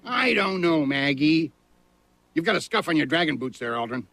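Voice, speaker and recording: A wholesome middle-aged cartoon dad, with a creaky edge and wildly animated pitch. He sounds earnest, folksy and excitable, over clear background music. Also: normal speed, no echo, heavily acted. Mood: stern, exasperated. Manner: folksy, earnest, emphatic, swooping delivery. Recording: music behind the dialogue.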